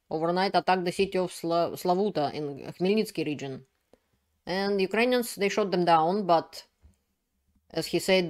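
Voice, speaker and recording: A middle-aged woman from Russia with a Russian accent, hosting her own channel and explaining news in an earnest way, with frequent fillers and restarts. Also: lowish voice. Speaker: channel host. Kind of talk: solo commentary video.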